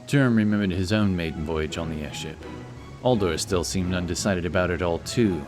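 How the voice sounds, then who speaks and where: Clear background music runs throughout as a very low-voiced man narrates a fantasy story, audiobook-style and scripted, at a moderate pace.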